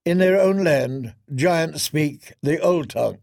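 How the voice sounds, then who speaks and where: A man playing an earnest young commander who speaks with measured courtesy. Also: on the high side, expressive, creaky, darkish tone, no echo, clean studio sound, exaggerated voice.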